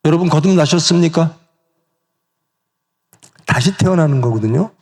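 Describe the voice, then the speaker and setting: A man's voice: on the high side, lively intonation, normal speed, a little mellow. A middle-aged male pastor preaching a sermon in a church, asking the congregation questions and acting out the voices he quotes. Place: church sanctuary.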